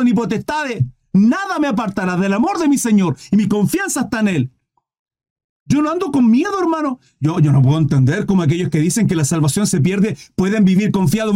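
A man's voice: extremely high pitch, a little mellow. A man preaching in a livestreamed Bible study, emphatic, with many rhetorical questions, and he keeps calling his listeners "brother".

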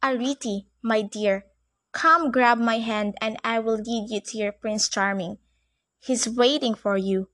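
A woman puts on a mysterious female voice drifting from a tree, spoken in a breathy unvoiced whisper. It coaxes gently and slowly, pitched a touch high. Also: steady tone, no echo, clean studio sound. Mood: coaxing.

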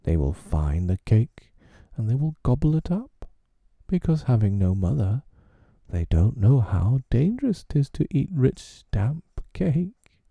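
Man putting on Captain Hook, slow and sinister. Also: medium pitch, big pitch swings, creaky, mellow, no echo, voice pushed up, heavily acted. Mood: scheming. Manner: slow, speaking through his teeth.

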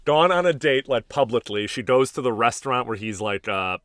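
A man in his thirties hosting a podcast, an animated storyteller who swears casually. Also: medium pitch, normal speed, dry recording, clean studio sound. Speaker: podcast host and stand-up comic. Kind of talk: casual chat.

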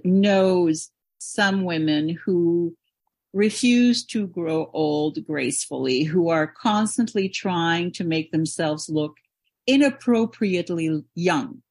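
A Canadian woman in her seventies, a model appearing as a podcast guest, tells her story candidly and reflectively in an interview. Her voice is fairly low, and there is no room sound.

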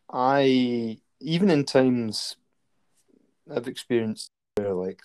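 A man's voice: lowish voice, darkish tone. A man talking casually and rambling, with many fillers and restarts. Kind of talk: casual conversation.

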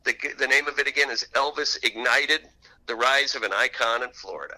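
An author appearing as an interview guest tells stories in a conversational way, occasionally acting out quotes with animation. His voice is medium-pitched and fairly quick, though the recording quality is low.

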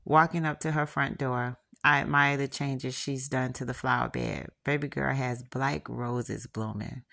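A woman casually reading her own first-person erotic story, frank and unhurried. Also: very deep voice, gravelly, fairly bright tone. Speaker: author and podcast host reading her book.

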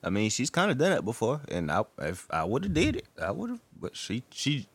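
A man's voice: mid-range voice, wildly swooping pitch, normal speed, slightly rough, no room sound. A young man co-hosting a casual podcast, easygoing, laughing often and answering with short agreeing sounds. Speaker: podcast co-host.

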